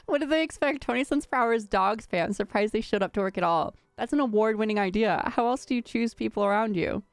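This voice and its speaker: A woman's voice: medium pitch, fast, smooth, no room sound, faint music behind. Giggly young woman streamer, dry sound. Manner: giggly, playful, swears freely. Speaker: streamer playing a game. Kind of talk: casual gameplay commentary.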